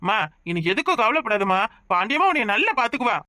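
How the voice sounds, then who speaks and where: A woman's voice: fairly high pitch, sing-song, quick pace, bright, forceful tone, no echo, studio quality. A woman voicing an impatient young village man who scolds his mother, in a cartoon with a southern Tamil accent. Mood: exasperated. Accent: southern Tamil, Tirunelveli.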